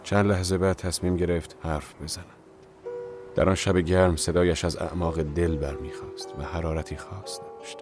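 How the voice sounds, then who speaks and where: A man narrating a literary novel in a measured, reflective reading. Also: low voice, little pitch movement, music in the background. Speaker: audiobook narrator.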